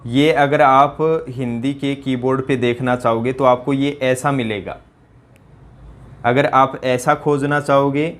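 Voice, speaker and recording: A man teaching a Hindi spelling lesson for exam students, asking the class question after question and answering them himself, with joking asides in a local dialect. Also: mid-range voice. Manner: quizzing listeners with repeated rhetorical questions.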